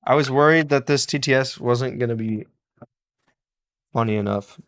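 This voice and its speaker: On a casual soldering stream, a man fixes electronics and talks with his audience, greeting them, thanking them, and laughing frequently. His mid-range voice is a bit bright and moves at a normal speed.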